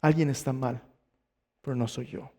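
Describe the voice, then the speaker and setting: A man's voice: medium pitch, fairly even intonation, normal speed, a little mellow, long reverb tail. A male pastor preaching a sermon, telling the story dramatically and asking the congregation questions. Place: church sanctuary.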